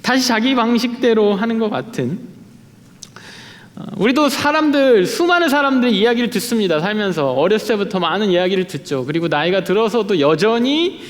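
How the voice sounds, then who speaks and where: High-voiced man preaching in an echoing church. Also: expressive, brisk. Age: late 30s. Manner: chatty and self-deprecating, many fillers and restarts. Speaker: youth pastor. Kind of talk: conversational sermon. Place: church sanctuary. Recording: long hall reverb.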